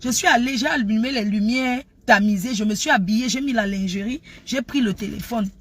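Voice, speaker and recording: Woman host of a live stream, animated and rambling, fairly high pitched and hoarse-edged. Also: fairly quick. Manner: loud, animated and scattered, full of restarts. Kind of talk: casual live-stream chat. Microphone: phone.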